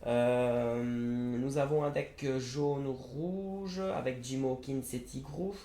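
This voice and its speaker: A man's voice: medium pitch, steady tone, slow pace, dark tone. A young man reviewing trading card game products in a casual, hesitant way, with frequent fillers and self-corrections. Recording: roomy echo, faint background noise.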